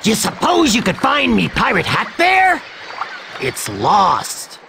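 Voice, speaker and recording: A man's voice: high-pitched, huge pitch swings, slow pace, gravelly, bright, forceful tone, a little hiss or hum, exaggerated voice. An actor voicing a jolly male pirate pig captain in a game, calling out in hearty pirate talk.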